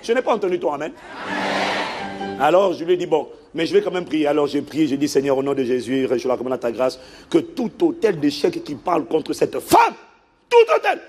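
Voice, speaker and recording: High-voiced man preaching. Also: brisk, faint music behind. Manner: animated storytelling, acts out the people in his stories. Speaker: pastor. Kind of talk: sermon.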